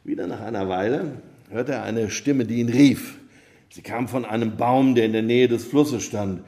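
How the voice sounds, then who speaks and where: A man preaching a sermon, telling a parable in a calm, measured way. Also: mid-range voice. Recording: roomy echo.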